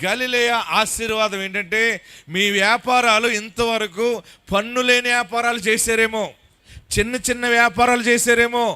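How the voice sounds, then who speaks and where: A man preaching a live sermon as pastor, fervent, rising to shouts and sometimes half-singing his phrases, urging the congregation to clap and shout. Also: very high voice, level tone, normal speed, clean tone.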